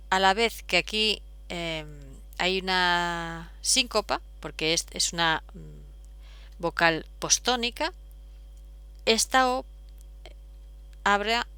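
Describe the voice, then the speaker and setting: A woman's voice: mid-range voice, bright, forceful tone, clear, resonant tone, no echo. A woman, explaining step by step as a teacher, patient, with frequent fillers. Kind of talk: explaining at a whiteboard.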